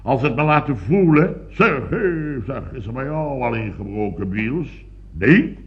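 A man's voice: medium pitch, lively intonation, measured pace, lo-fi sound, lightly acted. An actor playing a fussy, pompous rich businessman in a radio comedy, blustering and exclaiming. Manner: blustering, exclamatory, self-mocking.

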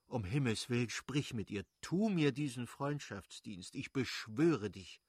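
A man voicing a good-natured, effusive middle-aged nobleman who pleads warmly with his brother-in-law. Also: medium pitch, expressive, measured pace, slightly rough, dry recording, clean studio sound. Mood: effusive pleading. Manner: warm, effusive, imploring.

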